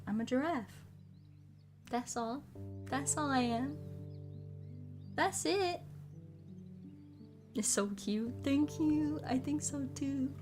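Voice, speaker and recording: Over background music, a woman VTuber rambles playfully through casual chat with her viewers while playing a game, frequently repeating short phrases. Her voice is on the high side, pushed and bright.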